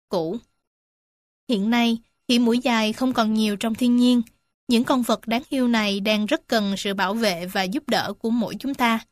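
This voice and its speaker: A woman reading animal stories and facts aloud to young children, gentle and addressing them warmly as little ones. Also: on the high side, no room sound, clean studio sound. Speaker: storyteller for children. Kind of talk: children's storybook narration.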